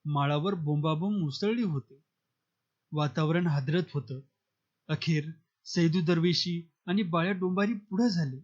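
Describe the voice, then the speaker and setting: A man narrating a novel in a steady, measured storytelling manner. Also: fairly high pitch, muffled recording. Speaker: audiobook narrator. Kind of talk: novel reading.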